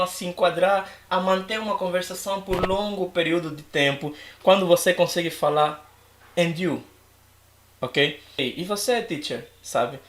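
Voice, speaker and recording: A man teaching an English lesson in a casual, animated way, switching between English and Portuguese and acting out his students' lines. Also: high-pitched, echoey room.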